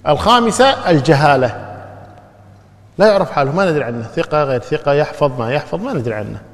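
A man's voice: on the high side, animated, fast talker. A male teacher giving a classroom lecture, quizzing his students with questions and repeating key terms. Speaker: teacher of hadith studies. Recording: long hall reverb.

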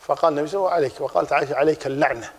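A man teaching a religious class, explaining a text in a lively way and repeating his key points. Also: fairly high pitch, very fast, breathy edge, in a large hall.

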